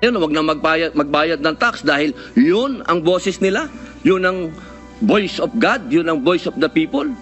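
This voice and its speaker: A man's voice: a little high, lively intonation, unhurried, fairly bright tone, faint music behind. A man speaking as a senator, giving a formal floor speech in a polite, earnest tone full of respectful address.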